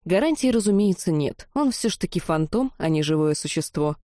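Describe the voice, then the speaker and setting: A woman voicing a calm, wry female teacher of magic, speaking low and even. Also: brisk, no echo, clean studio sound, lightly acted.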